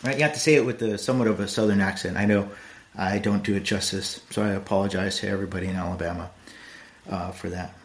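A middle-aged man talks through a casual podcast monologue, blunt one moment and earnest the next. His voice sits a little low, and his delivery rambles. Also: fairly even intonation, fast talker. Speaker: podcast host.

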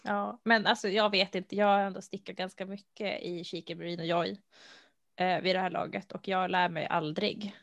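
Relaxed woman with a lowish voice. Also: vocal fry, no room sound. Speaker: podcast co-host. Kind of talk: casual chat about knitting.

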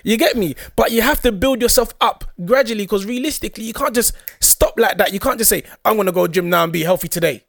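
A young man with a London roadman accent talks very quickly in a high-pitched, creaky voice. He chats casually and slangily, like a podcast co-host, often checking that he is being followed. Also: a bit bright, no room sound. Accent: London roadman, multicultural urban slang. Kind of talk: casual chat.

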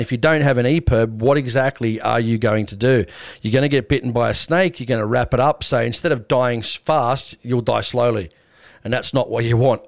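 A man's voice: medium pitch, no room sound, studio quality. A man with an Australian accent hosting a podcast in a casual, blokey, plain-spoken way. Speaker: podcast host. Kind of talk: casual hunting podcast talk.

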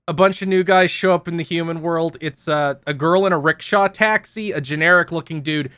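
A man's voice: a little high, fairly quick, sharp tone, smooth, no echo. A man co-hosting a podcast, casually recapping episodes in a rambling, profane way. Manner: rambling plot recap with frequent profanity and laughs.

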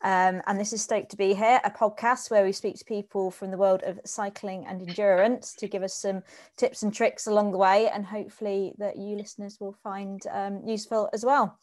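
A woman hosting a podcast who introduces her guest and asks questions in a relaxed, conversational way. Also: mid-range voice, moderate pace. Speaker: podcast host. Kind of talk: casual interview.

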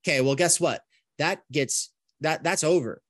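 A man with a slightly high voice gives a casual, animated lecture to his students, thinking aloud with restarts and lively asides. The sound is dry and close, with no room around it. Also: moderate pace, no room sound. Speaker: online philosophy course instructor.

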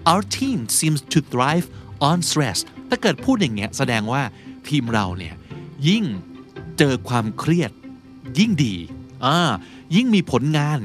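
A male podcast host talks through English words in a relaxed, chatty manner and slows right down to read each example. His voice rises and falls a great deal. Soft music plays quietly behind him. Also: a little high. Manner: chatty, explains with slow read-out example sentences. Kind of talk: casual English vocabulary lesson.

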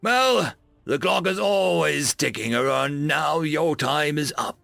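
A cold, mysterious hooded avenger, calm and cutting, as a male narrator puts the figure on. The voice sits raised and gravelly, with lively swings of pitch in a dry, close reading. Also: slow pace, dry recording, soft background music, heavily acted.

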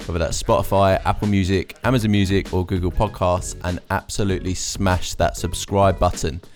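Male podcast presenter, low register, conversational interviewer and intro reader, music underneath. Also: flat delivery, fairly quick, darkish tone. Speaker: podcast host.

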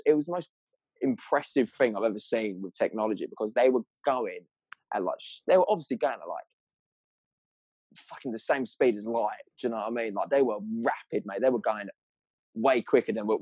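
A man's voice: mid-range voice, lively intonation, a little fast, darkish tone, slightly rough, dry recording. A man with a southern English accent telling anecdotes in casual, sweary, slangy chat, rambling along in a matey way.

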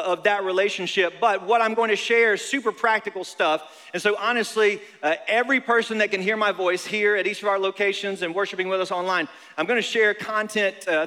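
A man's voice: high voice, bright, forceful tone. A man in his forties from North Carolina, a pastor giving a conversational sermon, often repeating words as he goes. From North Carolina, United States. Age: 40s. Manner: halting, repeats words for emphasis. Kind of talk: conversational sermon with personal anecdotes. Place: large church auditorium with PA. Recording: reverberant large hall sound.

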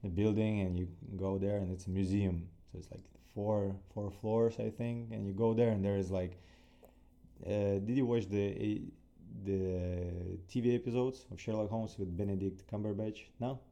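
Low, dark-voiced man with Ukrainian accent. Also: fairly even intonation, moderate pace, creaky. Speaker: interview guest, athlete. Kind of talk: casual conversational interview answers.

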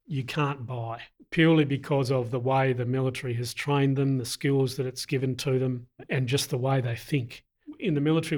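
A middle-aged man, an army veteran, answering interview questions in a deliberate, earnest way with frequent pauses. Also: medium pitch. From Australia.

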